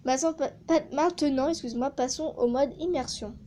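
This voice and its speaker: A woman's voice: high voice, a little fast, background noise. A woman chatting casually in a vlog, with many hesitations, reviewing voice changer effects. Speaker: gaming YouTuber testing a voice changer app.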